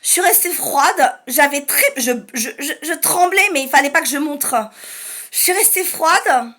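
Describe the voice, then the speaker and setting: A woman with a notably high voice tells a personal story straight to the listener. Her delivery is halting and full of restarts, and she acts out the dialogue as she goes. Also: lively intonation, sharp tone. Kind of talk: personal testimony to camera.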